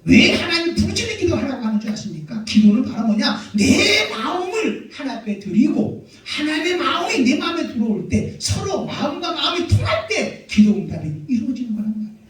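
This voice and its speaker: Male pastor, sermon, emphatic rhetorical questions, lively rising and falling pitch, heavy hall echo. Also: a little fast, hardly any pauses. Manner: emphatic preaching with rhetorical questions and repeated amens. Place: church sanctuary. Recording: very echoey church hall, mic far off.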